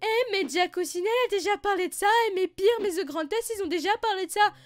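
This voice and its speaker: A woman mimicking a nitpicking online commenter in a squeaky, mocking voice. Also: quick pace.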